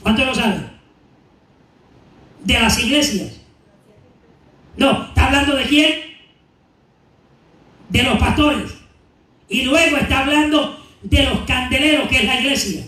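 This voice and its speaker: A man preaching a Bible teaching to his congregation, asking them questions and answering them himself, and reading scripture slowly and deliberately. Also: very high voice, pushed and bright. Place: church sanctuary. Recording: echoey church hall, mic at a distance.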